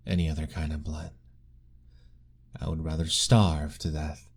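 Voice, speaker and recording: In an ASMR roleplay, a man plays an ancient vampire lord who is lovestruck, speaking formally and softly as he gently pleads. His voice sits low.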